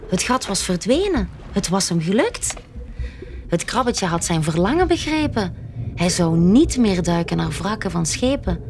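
Slow, lively woman reading aloud. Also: mid-range voice, a little hiss or hum. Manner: slow and expressive, some lines whispered. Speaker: singer reading to her son. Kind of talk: storybook read-aloud in rhyme.

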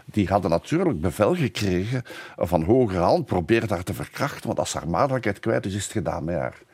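An older man, a historian, telling a story animatedly in an interview, slowing down for emphasis. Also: low-pitched, slightly rough. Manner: animated storyteller, slows for emphasis, many fillers. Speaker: historian guest.

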